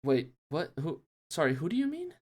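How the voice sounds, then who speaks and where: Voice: mid-range voice, wildly swooping pitch, normal speed. A voice actor voicing an earnest, jumpy, teasing lead character in a game.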